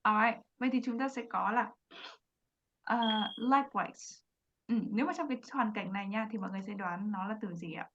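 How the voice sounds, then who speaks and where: Quick Vietnamese-accented woman teacher. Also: mid-range voice, fairly even intonation, fairly bright tone, muffled recording, a little hiss or hum. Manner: quick explanations in Vietnamese, slow careful English modeling. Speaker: English teacher. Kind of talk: online English lesson, mixing Vietnamese and English.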